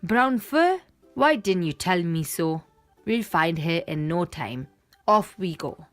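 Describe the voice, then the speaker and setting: A woman's voice: fairly low pitch, lively intonation, slow pace, soft background music. A woman voicing a helpful but muddled butterfly in a children's picture book, eagerly coaxing and confident as a guide.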